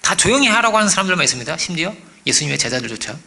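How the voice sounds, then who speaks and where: A man preaching a sermon as pastor, animated, asking the congregation for agreement and acting out quoted voices. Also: a little high, very fast, gravelly. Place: church.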